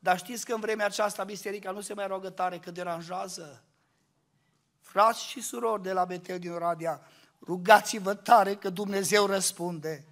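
Male guest preacher, very bright forceful tone, impassioned church sermon. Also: high voice, fairly even intonation. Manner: impassioned, swings from hushed to shouting. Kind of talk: fervent Pentecostal sermon. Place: church service.

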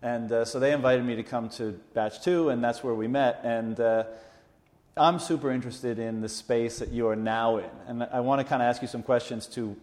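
A man's voice: medium pitch, fairly even intonation, normal speed, a little mellow. Casual male interviewer in echoey room. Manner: casual, rambling questions. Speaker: interviewer host. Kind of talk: conversational interview.

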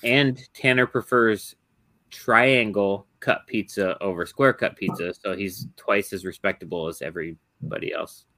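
Young male co-host, lowish voice, dry close mic, wry casual banter. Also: fairly even intonation, a little slow, bright, forceful tone, no room sound. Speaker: podcast co-host. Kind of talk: casual chat.

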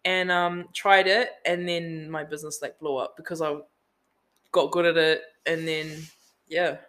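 Nz woman chatting on a podcast, bright clear voice, lots of likes and ums. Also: low voice, a little slow. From New Zealand. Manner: relaxed storytelling with many fillers. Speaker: guest, event business owner. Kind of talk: casual podcast interview.

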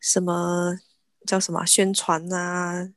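A woman's voice: fairly low pitch, monotone, slow, dry recording. A woman co-hosting a casual chat. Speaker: podcast co-host.

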